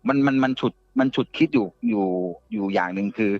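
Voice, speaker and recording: Man telling a ghost story, casual, halting, repeats himself, dull lo-fi dry sound. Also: medium pitch, wildly swooping pitch, creaky, dry recording. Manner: halting, repeats words and restarts often. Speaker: guest storyteller.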